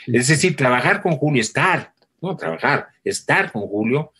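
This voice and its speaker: A man, a theatre actor, telling anecdotes in relaxed conversation and acting out the people he quotes. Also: medium pitch, normal speed, breathy edge. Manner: animated storyteller acting out quoted voices. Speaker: theatre actor, interview guest.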